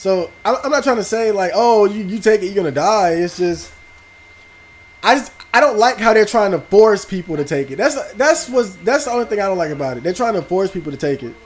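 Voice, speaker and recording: A man streaming a video game with loud, profane, reactive outbursts and casual chat. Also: sits high, expressive, fairly quick. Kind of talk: casual gaming stream commentary.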